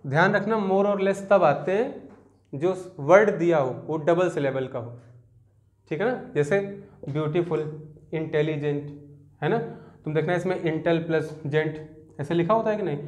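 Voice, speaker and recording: Male grammar teacher with a Hindi accent, high-pitched, echoey classroom lecture. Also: normal speed, darkish tone. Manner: explains step by step, asks rhetorical questions, repeats answers back. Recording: roomy echo.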